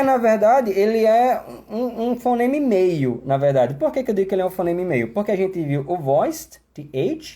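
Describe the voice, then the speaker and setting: A man with a Brazilian Portuguese accent teaching English pronunciation in a live online class, chatty and self-mocking, slowing down to exaggerate sounds. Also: high-pitched, warm tone. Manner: exaggerated slow demonstrations.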